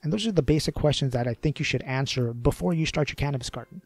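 A man hosting a podcast, talking casually with fillers and repeated words, a little hoarse. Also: medium pitch, quick pace, no room sound. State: losing his voice. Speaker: podcast host.

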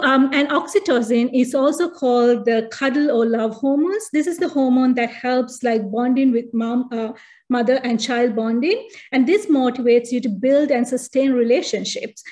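A woman's voice: fairly high pitch, a little mellow. A woman in her thirties with a Sri Lankan accent, explaining brain science in an online lecture, with many fillers and restarts. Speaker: neurologist giving a talk. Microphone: video call.

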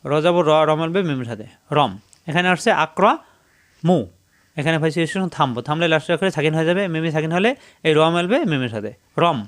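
Guy teaching quran word by word, smooth clear voice, a bit high, chants each verse after spelling it. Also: expressive. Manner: spells each syllable slowly, then chants the verse in a raised voice. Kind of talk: spelling-out recitation lesson.

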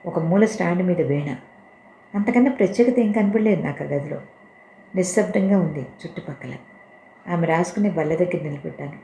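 A woman reading a first-person story aloud in a calm, measured, reflective way. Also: on the low side, creaky. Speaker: story reader. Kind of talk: storytelling narration. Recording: roomy echo with faint noise.

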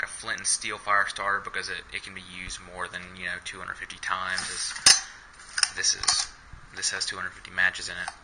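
Using a head-mounted camera in a small room, a young man talks casually and hesitantly about his camping gear, peppering it with ums and uhs. His voice is low and gravelly, with background noise behind it.

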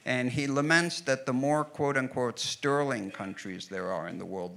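On an outdoor veranda stage, a middle-aged American man who writes and studies history talks through the past in an onstage conversation, holding a handheld mic. His voice is mid-range with a fairly bright tone, and his measured delivery is full of fillers.

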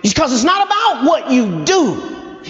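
A man preaching a sermon in a folksy, conversational way, building to shouted emphasis and calling out to the congregation. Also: very high voice, huge pitch swings, unhurried. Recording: echoey hall, dull lo-fi sound.

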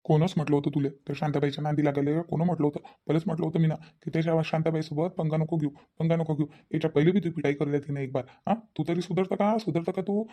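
A man's voice: fairly high pitch, steady tone, fast talker, few pauses, dark tone, natural voice. An actor voicing a stern village father-in-law. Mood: lecturing. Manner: lecturing, reproachful. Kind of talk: cartoon voice acting.

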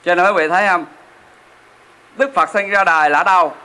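This sermon comes from a male Buddhist monk in a temple hall, spoken fairly quickly in a clear, resonant tone. His voice sits somewhat high and bright with a forceful edge, and he keeps addressing listeners through rhetorical questions.

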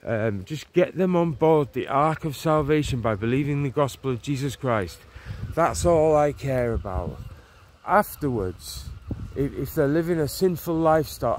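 A man in his forties preaches on a walk through a leafy town street and park for a vlog, his phone held at arm's length. His mid-range voice is animated and measured in pace, earnest but rambling, with lots of restarts and "you know". The recording picks up faint street noise and passing cars.

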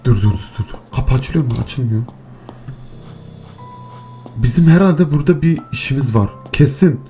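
A man's voice: medium pitch, expressive, normal speed, dark tone, faint music behind. A man hosting a horror game let's play, talking to his viewers, muttering nervously and swearing and shrieking when startled. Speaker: gaming channel host.

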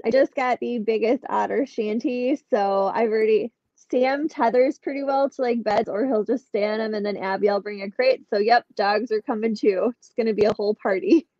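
A middle-aged woman, appearing as a podcast guest over a video call from a home room, chats cheerfully and tells stories in a casual interview. Her voice is fairly high with a dark tone, at a moderate pace with hardly any pauses. The webcam audio is dry, dull and lo-fi.

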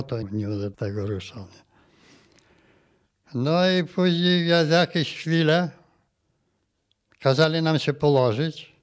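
Elderly man recounting in halting speech. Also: mid-range voice. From Volhynia. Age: 80s. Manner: plain halting telling, tags phrases with "nie?". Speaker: interviewee, massacre survivor. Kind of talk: recounted personal testimony.

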